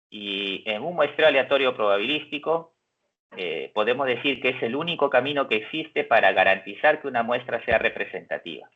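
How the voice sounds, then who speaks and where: A man gives a university lecture, patiently explaining and posing questions to his students. His voice is husky and slightly breathy. The recording is muffled and lo-fi. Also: medium pitch. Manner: explains step by step, asks rhetorical questions, acts out student voices. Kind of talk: lecture on statistics. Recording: dull lo-fi recording.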